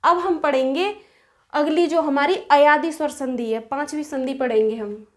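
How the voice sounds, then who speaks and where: High-voiced woman teaching a patient lesson. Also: normal speed. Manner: patient, repeats and rephrases points. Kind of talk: explaining a grammar lesson.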